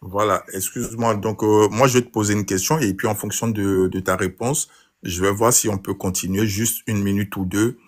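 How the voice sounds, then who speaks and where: Low-voiced man calling into a debate. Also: steady tone, normal speed. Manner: hesitant with fillers, flares up when interrupted. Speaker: caller in a live debate. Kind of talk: casual live debate.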